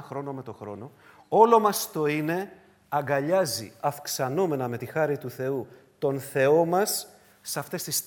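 A man preaching a sermon in a high voice. His pitch leaps and dives widely as he moves from ringing cries to hushed, low phrases. He presses his points through repeated rhetorical questions. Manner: repetitive, emphatic rhetorical questions.

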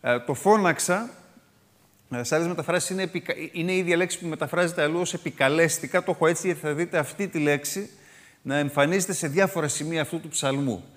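A man's voice: a little high, long reverb tail. A man giving a sermon-style Bible study on a psalm, reading verses aloud and explaining them word by word with frequent filler sounds. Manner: reads scripture aloud between comments. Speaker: Bible teacher.

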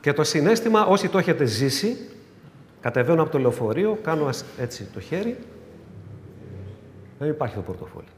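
A man's voice: on the high side, very animated, pauses often, slight background noise. Older man, preacher, emphatic sermon delivery, raised voice, echoey church hall with a long reverb. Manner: emphatic, swings from loud urging to quiet.

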